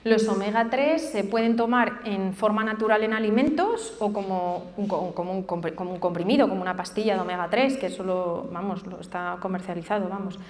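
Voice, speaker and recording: A woman's voice: mid-range voice, brisk, hardly any pauses. A woman answering questions as a nutrition specialist, explaining informally and often checking that she is understood. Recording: echoey hall with long reverb.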